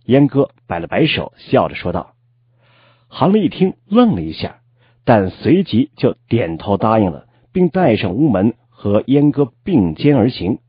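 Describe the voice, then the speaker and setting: Husky, expressive male storyteller. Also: medium pitch, no echo. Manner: expressive, with drawn-out particles. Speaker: audiobook narrator. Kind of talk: storytelling novel narration. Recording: slightly dull lo-fi, dry.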